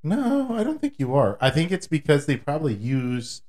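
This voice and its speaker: A man co-hosting a podcast, chatting in a relaxed, easygoing way. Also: mid-range voice, a little fast. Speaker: podcast co-host. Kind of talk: casual chat.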